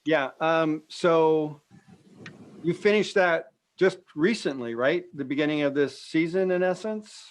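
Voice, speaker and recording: A man's voice: fairly high pitch, unhurried. Man asking friendly follow-up questions. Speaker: audience member asking questions. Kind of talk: casual Q&A questions.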